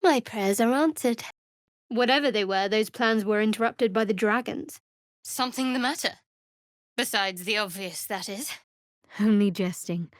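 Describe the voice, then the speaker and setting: An actress voices a guarded, devout young cleric of a dark goddess in a fantasy video game, delivering her lines in a measured, wry way with a dry, wry mood. Her medium-pitched voice sounds natural, captured in clean studio sound without echo.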